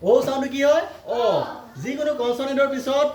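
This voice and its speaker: Very high-voiced man drilling phonics. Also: slight background noise. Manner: slow drilling, spelling letters then sounding words; asks pupils questions and answers them. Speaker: teacher. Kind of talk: phonics lesson for children. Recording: echoey room.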